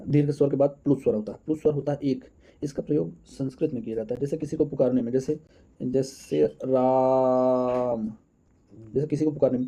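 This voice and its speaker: Man teaching in a dark, husky voice. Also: medium pitch. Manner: counts out answers aloud, addresses viewers as friends. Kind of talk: exam-prep lesson.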